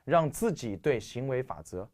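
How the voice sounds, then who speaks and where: A man from China lecturing on English vocabulary, with a stuffy nose. His pitch swings widely as he talks, and he keeps posing rhetorical questions to the class. The delivery is animated. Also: normal speed. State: stuffy nose, clearing throat.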